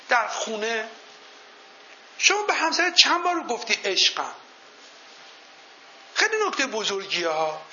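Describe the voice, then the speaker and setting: A man with a strikingly high, piercingly bright voice gives a motivational seminar talk, swinging his pitch up and down as he goes. He tells folk anecdotes and keeps turning to the live audience with questions. The sound is a dull, lo-fi recording. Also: a little hiss or hum. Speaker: motivational speaker.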